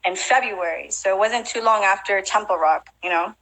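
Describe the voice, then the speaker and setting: Young woman, interview guest, casual chat, lots of fillers, laughs often, mid pitch. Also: moderate pace, fairly bright tone, a little hiss or hum, rough recording. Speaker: guest, breaking event organizer.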